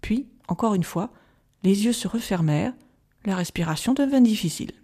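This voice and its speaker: Mellow-voiced woman reading a gothic tale. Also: mid-range voice, lively intonation, moderate pace. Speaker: audiobook reader. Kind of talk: scripted narration of a gothic novel.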